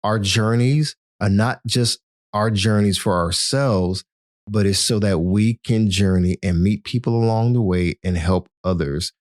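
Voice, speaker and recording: This is a man hosting a motivational health podcast, speaking in a fairly low voice. He keeps encouraging the listener and calls them his friend. The sound is close and dry, with no room echo. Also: darkish tone. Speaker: podcast host.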